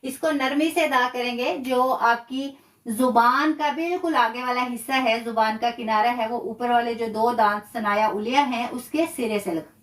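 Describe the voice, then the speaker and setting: A woman's voice: fairly high pitch, roomy sound, distant mic. A woman teaching Quran recitation rules in a live online lesson, explaining patiently and repeating key words. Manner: slow, patient explaining with repetition.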